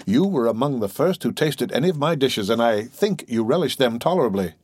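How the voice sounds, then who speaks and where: A man's voice: medium pitch, sing-song, fairly quick, darkish tone, breathy edge, dry recording. A man voicing a sly, sentimental old male innkeeper who talks in a wheedling, sententious way, in an audiobook.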